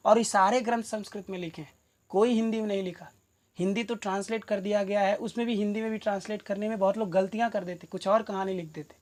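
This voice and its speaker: A woman teaching a Sanskrit play, reading each verse slowly and then explaining it in plain talk, often asking rhetorical questions. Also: mid-range voice, darkish tone.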